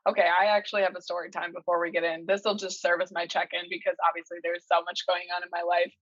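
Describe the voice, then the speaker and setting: A young woman co-hosting a podcast from her apartment, chatty and quick to laugh, dropping casual swears. She comes through a video call that sounds dull and lo-fi. The audio is very dry. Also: on the low side, little pitch movement, a bit bright, no room sound. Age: 20s. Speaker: podcast co-host. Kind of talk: casual chat. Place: her new apartment, indoors.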